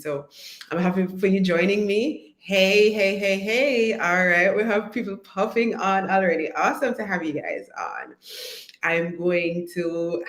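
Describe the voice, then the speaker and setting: A woman with a lowish, husky voice chats on a live stream, warmly greeting viewers by name. Her throat is still rough from being sick. The sound carries a roomy echo. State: hoarse, recovering from illness. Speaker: coach hosting a live stream.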